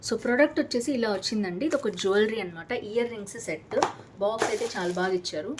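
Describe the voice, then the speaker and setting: Fast-talking chatty Telugu woman vlogger. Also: medium pitch, background noise. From Hyderabad, India. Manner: chatty, enthusiastic, mixes English words into Telugu. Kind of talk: casual product unboxing vlog.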